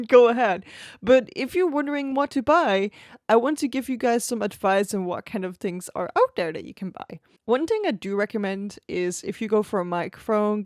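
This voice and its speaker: Her voice is medium in pitch and a little mellow, with no echo, as this woman streamer chats easily about her gear. She laughs a lot during the casual tech review, speaking close to an XLR studio microphone on an arm at her home desk.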